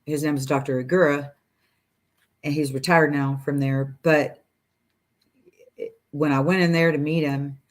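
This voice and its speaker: A woman in her forties tells her story as a guest over a video call from a room at home. She talks in a casual, animated way, acting out her doctors' lines and laughing between phrases. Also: low-pitched, a little slow, pauses often. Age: 40s.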